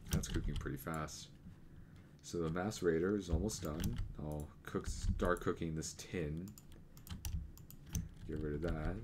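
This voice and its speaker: A man's voice: extremely low pitch, background noise. A man giving casual gameplay commentary, rambling and correcting himself as he thinks aloud. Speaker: let's play gamer. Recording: keyboard clicks and typing audible. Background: computer keyboard clicking.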